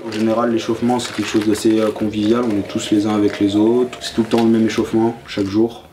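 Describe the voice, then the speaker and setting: A young man from the Paris region, a ski instructor trainee, speaking calmly in a documentary interview. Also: fairly low pitch, quick pace, music in the background.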